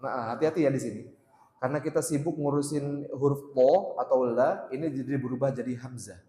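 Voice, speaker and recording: A man teaching Quran recitation at a mosque study circle, drilling letter sounds by repeating them slowly and loudly. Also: medium pitch. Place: mosque hall. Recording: echoey mosque hall with long reverb.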